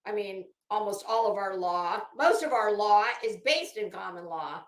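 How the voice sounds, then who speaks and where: Speaking at normal speed in a medium-pitched voice, this livestreamer chats and reads aloud. She comes across as blunt and sardonic with a salty tongue, heard in an echoey room.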